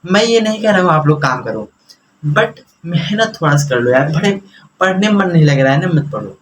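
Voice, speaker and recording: A man's voice: fairly high pitch, animated, brisk, a little hiss or hum, rough recording. A young man teaching a class in a chatty, lecturing way, mixing English words into his explanations.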